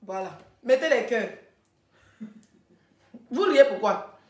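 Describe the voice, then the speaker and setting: A woman hosting a ranting gossip live stream, animated, laughing often and addressing her viewers directly. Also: on the high side, slow pace. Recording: roomy echoey room.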